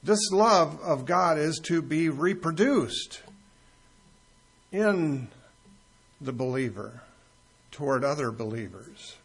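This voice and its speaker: Here the preacher's voice sits on the high side and is slightly rough, expressive yet slow, with many pauses. He delivers a teaching sermon full of stories, talking casually with his church congregation and cracking jokes.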